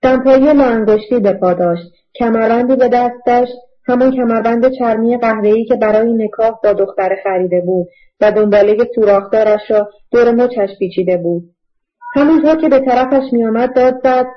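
In a dull, lo-fi audiobook recording, a woman whose voice is a little high narrates a novel from a script at a steady, measured pace.

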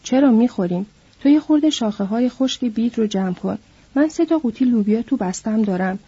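Brief: woman voicing an impatient scolding worker man, very dark husky tone, dull lo-fi sound. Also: fairly high pitch, lively intonation, full character voice. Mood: calmer. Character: small sharp-tempered itinerant worker man, protective. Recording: dull lo-fi recording.

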